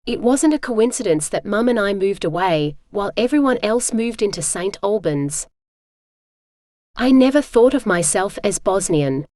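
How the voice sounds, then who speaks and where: Synthetic woman narrator for a first-person audiobook; steady and even, mid pitch, dry close sound. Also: moderate pace, no room sound. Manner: even, steady text-to-speech reading.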